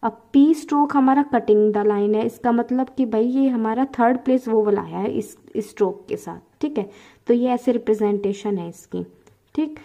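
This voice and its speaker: Woman, shorthand teacher, mellow higher voice, drills sounds, quizzes students. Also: moderate pace. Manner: drills sounds aloud, checks in with frequent questions. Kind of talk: classroom-style lesson.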